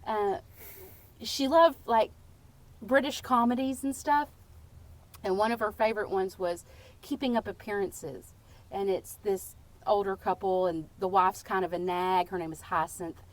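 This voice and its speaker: A woman tells stories on a podcast. Her middling voice is lively and playful, with a teasing humor running through it. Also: mid-range voice, unhurried. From Texas. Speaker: podcast guest. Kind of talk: casual storytelling.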